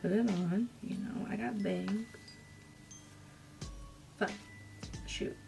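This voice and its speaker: A young woman talks her way through a makeup look in an unhurried, chatty vlog voice, with a gravelly edge of vocal fry under her words. She slips into whispers every so often, and music plays behind her. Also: mid-range voice, mellow. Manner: chatty, drifting into whispers now and then. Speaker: beauty vlogger. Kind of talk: casual makeup vlog chat.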